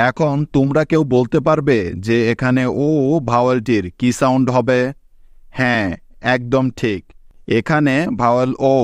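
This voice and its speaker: A man's voice: medium pitch, smooth, no room sound. A man teaching English phonics, explaining each step patiently and asking his learners questions. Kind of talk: phonics lesson for viewers.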